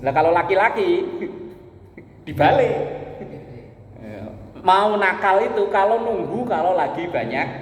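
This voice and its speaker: A man's voice: high-pitched, animated, slow, pauses often, a little hiss or hum. Joking preacher guy, keeps talking right to the crowd, echoey hall with long reverb. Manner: joking, storytelling, keeps addressing the men. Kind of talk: humorous religious talk. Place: prayer gathering hall.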